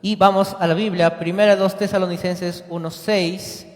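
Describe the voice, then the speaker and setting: A man's voice: high-pitched, flat delivery, moderate pace. A man preaching a sermon in church, asking the congregation questions and acting out short quoted dialogues. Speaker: lay preacher. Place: church sanctuary. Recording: echoey church hall.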